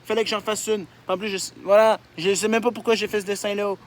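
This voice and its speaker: A young Québécois man with a high-pitched voice riffs on his own childhood drawings in a casual vlog. He mocks himself and swears freely, and there is a faint hum behind him. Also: little pitch movement, fast. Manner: mocking, self-deprecating, swears often. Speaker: YouTuber.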